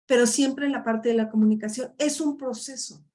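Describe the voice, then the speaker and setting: A middle-aged woman leads a live online coaching session. Her voice sits a little high for a woman, and she keeps checking in with her listeners through frequent little tag questions. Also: fairly even intonation, normal speed, darkish tone. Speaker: life coach. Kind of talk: live online workshop talk.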